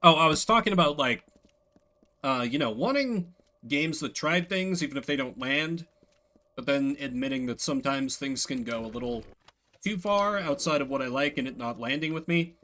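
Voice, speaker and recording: This man's voice sits a little high, bright and forceful, expressive, at a moderate pace. He's at a desk indoors, casually chatting while he plays a game on stream, wandering into self-deprecating, opinionated tangents.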